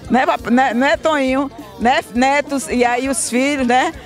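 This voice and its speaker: A woman's voice: sits high, fairly even intonation, a little slow. Northeastern Brazilian woman giving informal thanks. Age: middle-aged. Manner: frequent tag questions seeking agreement. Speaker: family member of the event organisers giving thanks. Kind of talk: informal speech of thanks to a group. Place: outdoors, standing before a group. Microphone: handheld microphone. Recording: outdoor report with faint music bed.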